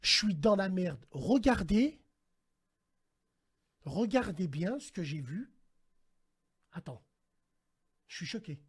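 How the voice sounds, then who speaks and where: A man hosting a casual call-in stream, animated and slangy, swinging between hushed dread and loud outbursts. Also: high-pitched, slow pace, long pauses, breathy edge. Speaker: host. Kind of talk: casual livestream radio chat.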